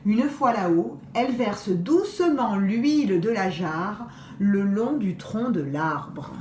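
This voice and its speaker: A woman teacher reading a children's story aloud with expressive, deliberate storytelling. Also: medium pitch. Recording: echoey room, faint hiss.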